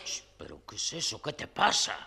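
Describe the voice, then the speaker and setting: An actor with a Spanish accent playing a bossy, exasperated small-time gang leader in a comedy, commanding and irritable. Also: male voice, a little fast, very noisy, close to an everyday voice. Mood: hushed, irritated. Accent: Spain.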